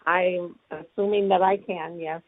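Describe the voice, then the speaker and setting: A woman on a phone call, the victim of a scam, speaking in a hesitant, halting way. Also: on the low side, fairly even intonation, very noisy. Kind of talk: phone conversation. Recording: tinny, dry phone line.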